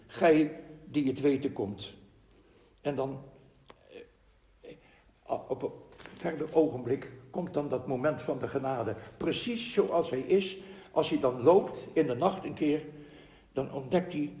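Man with a slightly high voice, reflective teacher reading aloud to a group, slow and earnest, roomy echo. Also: a little mellow. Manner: slow, earnest, with frequent pauses and tag questions. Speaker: spiritual teacher addressing a group. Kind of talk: reflective talk with read-aloud passages.

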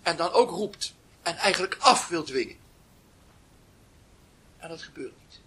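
A man giving a reflective spiritual talk, telling a story slowly with long pauses, often dropping to near whispers, then rising with emphasis. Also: fairly high pitch, big pitch swings, a bit bright, a little hiss or hum. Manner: slow, pausing delivery. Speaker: spiritual teacher.

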